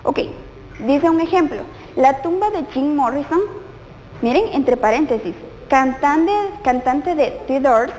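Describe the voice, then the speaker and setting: A woman with a Guatemalan Spanish accent teaches a televised lesson in a bright, high voice, acting out sample phrases to show how they sound. Her voice carries a long reverb with faint background noise. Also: unhurried. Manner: explanatory, acts out example exclamations.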